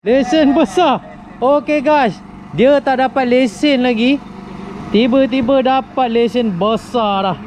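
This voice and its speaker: A young Malaysian man with a Malay accent vlogs while night fishing on a wooden sea platform, filmed on an action camera. His voice is extremely high yet darkish, and he talks slowly, upbeat and chatty, calling viewers "guys." A little hiss or hum runs underneath.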